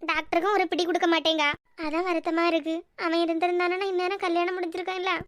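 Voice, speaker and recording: A woman's voice: very high-pitched, little pitch movement, fast, no room sound. A woman with a Kanyakumari Tamil accent voicing a grieving, anxious middle-aged mother in a cartoon web series, lamenting tearfully. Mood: worried.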